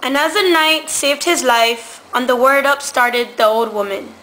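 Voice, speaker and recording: A teenage girl with a high-pitched voice reads scripted narration for a student puppet show. Her pace is measured and her tone sharp. The amateur recording is poor, with faint noise.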